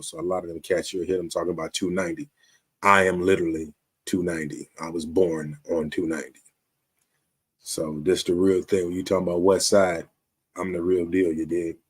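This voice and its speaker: A man's voice: low-pitched, slightly rough. A man, hosting his show in a casual, streetwise talk straight to the camera, often checking in with "you dig". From Chicago, USA. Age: 50s. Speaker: show host.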